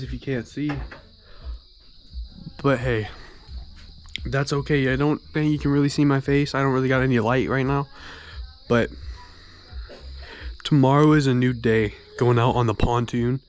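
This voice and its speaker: A man's voice: mid-range voice, a little hiss or hum. Young male vlogger, upbeat and slangy, shot on a phone outdoors by a lake. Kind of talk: casual vlog to camera.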